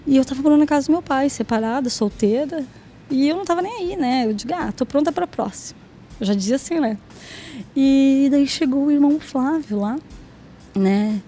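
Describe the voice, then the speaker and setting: A woman's voice: high voice, expressive, brisk, dark tone, a little hiss or hum. A woman giving a personal faith testimony in a chatty way, often acting out what people said and tagging her sentences with little questions. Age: adult, mother of two daughters. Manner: chatty, acts out quoted dialogue, frequent "né?" and "sabe?".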